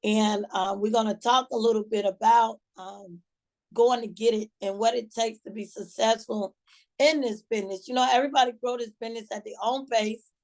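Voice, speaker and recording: A woman with a slightly high voice and a Georgia Southern accent hosts a motivational call for her sales team. She talks in a folksy, colloquial way, encouraging the group like a team leader. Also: steady tone, moderate pace, darkish tone. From Georgia, USA.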